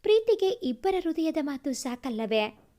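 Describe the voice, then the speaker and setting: A woman voicing a grieving but steady young woman, speaking earnestly in a story reading. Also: sits high, a little slow. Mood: pleading.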